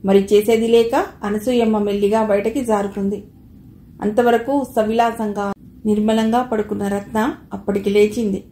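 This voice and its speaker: Woman narrator, mellow and slightly high, telling an audio novel in an echoey room with faint noise. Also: moderate pace. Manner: steady storytelling. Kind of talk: scripted narration.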